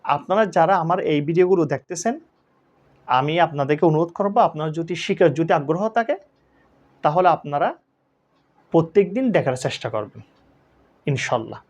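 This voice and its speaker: A man teaching Quran letter reading, slowly spelling out letters and syllables, drawing some sounds out for learners to repeat. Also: on the high side, expressive. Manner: slow drawn-out letter recitation. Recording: dull lo-fi sound.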